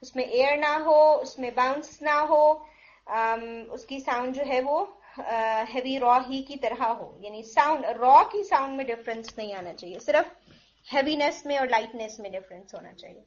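A woman with a high voice teaches recitation in a patient way. She demonstrates each sound slowly and slips English phrases into her explanations. The recording is dull and lo-fi. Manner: mixes English phrases into Urdu. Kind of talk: tajweed pronunciation lesson.

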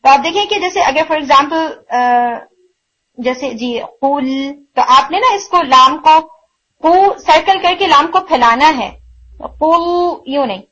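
A woman gives an online tajweed lesson on recitation pronunciation, her high voice animated, bright, and forceful. She stays patient and explanatory, slowly drawing out sounds, repeating them, and weaving English into her speech. Audio quality is lo-fi and slightly muffled.

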